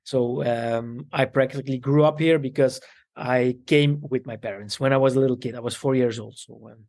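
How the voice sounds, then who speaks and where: A man with an Italian accent, a tailor raised in Belgium, speaking haltingly in a casual interview as the guest. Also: mid-range voice, fairly even intonation, a little mellow. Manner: halting, repeats words.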